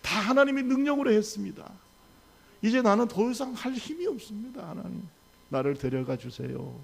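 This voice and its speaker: A man's voice: high-pitched, very animated, moderate pace, creaky, breathy edge, voice pushed up, full character voice. A man voicing a weary, exhausted prophet who pleads with God in prayer, in a drained tone. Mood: pleading.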